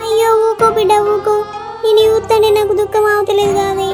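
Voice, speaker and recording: Figure: tearful middle-aged mother in a cartoon, voiced by a woman. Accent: Telangana Telugu. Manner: soothing. Pitch: very high. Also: little pitch movement, fast, darkish tone, soft background music.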